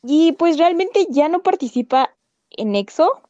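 A woman's voice: sits high, animated, a little slow, dark tone, no room sound, lo-fi sound. A woman co-hosting a casual podcast chat, correcting herself as she goes. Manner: chatty, self-correcting. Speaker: podcast co-host.

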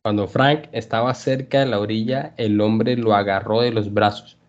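A male language teacher reading a story aloud for learners, clear and measured. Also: on the low side, fairly even intonation. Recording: dull lo-fi podcast audio.

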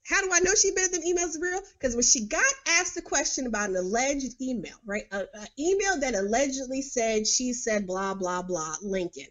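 Animated high-voiced woman podcast host. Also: fairly quick, few pauses. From New York. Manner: animated, laughing, blunt and sarcastic. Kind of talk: casual political commentary monologue.

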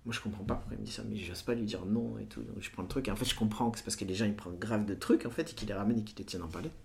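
Guy in his 30s, banlieue n street slang, talks really fast, tells stories acting out who said what. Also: fairly low pitch, gravelly. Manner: French suburb street slang; animated retelling with quoted dialogue. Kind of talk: casual anecdotal storytelling.

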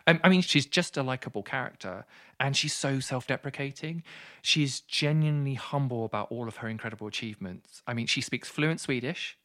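A man's voice: medium pitch, brisk, a bit bright, no room sound, studio quality. A man co-hosting a book podcast, reviewing a memoir with enthusiasm and dropping his voice for serious points. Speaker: podcast co-host.

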